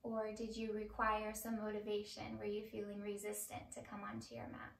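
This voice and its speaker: A middle-aged woman teaching a guided yoga class in a slow, measured, calming manner. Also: mid-range voice, vocal fry, a little hiss or hum. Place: indoor home room, on a mat. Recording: roomy, distant microphone.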